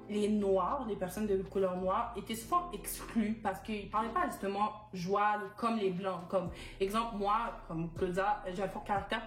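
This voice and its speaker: An earnest young talk show host from Quebec moderates a casual discussion at a medium pitch, asking questions and recounting personal experience. The room echoes, and soft music plays in the background.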